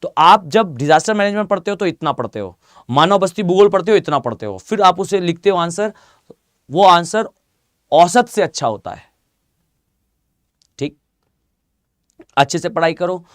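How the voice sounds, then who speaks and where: A man's voice: high-pitched, expressive, normal speed, pauses often, dry recording, studio quality. A male geography teacher giving a live exam-prep lecture in a conversational, repetitive way with many fillers. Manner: conversational, repeats himself, lots of fillers.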